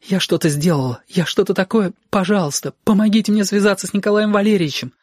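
A man's voice: high voice, very slow, mellow, dry recording, studio quality, voice pushed up, full character voice. A man voicing a terrified teenage girl, pleading breathlessly and near tears.

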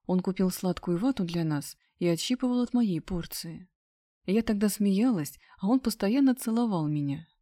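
A woman narrating a first-person story in a steady, subdued reading voice. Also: medium pitch. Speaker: audiobook narrator.

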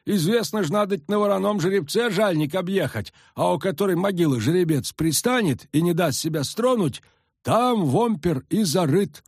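A man's voice: sits high, animated, moderate pace, a little mellow, slightly rough, no room sound, clean studio sound, pitched above the performer's own voice, exaggerated voice. A man voicing a pushy, superstitious older peasant man who talks in a rustic folksy way, read in an audiobook. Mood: insistent. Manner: rustic folksy speech, insistent.

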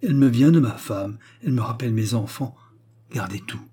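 A man's voice: mid-range voice, expressive, brisk, dark tone, slightly rough. A man voicing a proud hunchbacked count who gambles away his fortune, speaking with defiant dignity. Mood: dignified. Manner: defiant, then dignified refusal.

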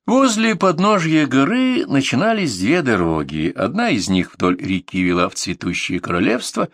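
A man reads a fairy tale aloud in an expressive, measured style. His voice is low, with gravelly texture and a lively pitch that rises and falls. The recording is dry and close, with no room sound. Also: no room sound. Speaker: narrator. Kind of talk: storybook narration.

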